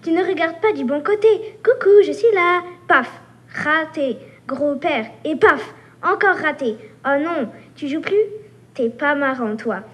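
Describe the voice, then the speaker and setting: A woman's voice: high-pitched, expressive, a little slow, fairly bright tone. A woman reading aloud as a cheeky, teasing little female mosquito, taunting and buzzing. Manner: taunting, playful, buzzing sounds. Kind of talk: reading a story aloud at a workshop.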